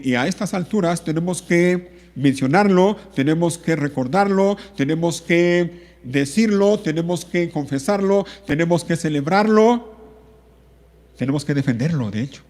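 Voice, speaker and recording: A man delivers a sermon from the pulpit with a fairly high voice. He drives his points home through repetition and slow, stretched words. His voice rings out with the long reverb of a church hall. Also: darkish tone. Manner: repetitive emphatic preaching, stretching key words. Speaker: pastor.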